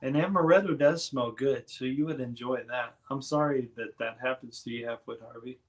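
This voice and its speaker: A man hosting a casual live stream, chatting in a relaxed, rambling way and reading viewers' comments aloud. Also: mid-range voice, moderate pace.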